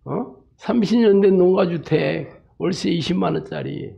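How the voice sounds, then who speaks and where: A male pastor with a high-sitting, creaky voice preaches slowly and emphatically over lo-fi audio. He breaks in often with rhetorical "eh?" tags and fills the sermon with jokes and anecdotes.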